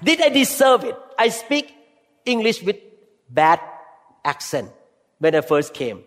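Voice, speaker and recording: An older man with a Thai accent preaches a testimony in short, emphatic phrases. His voice sits high, and he speaks slowly and deliberately. A long echo from the church hall trails his words. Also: wildly swooping pitch, a bit bright. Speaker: guest speaker giving testimony. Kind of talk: sermon testimony, interpreted.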